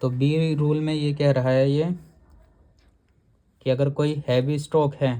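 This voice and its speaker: A man's voice: a little high, level tone, unhurried, mellow. A man teaching a shorthand lesson, explaining each rule step by step and reading the rule text aloud word by word.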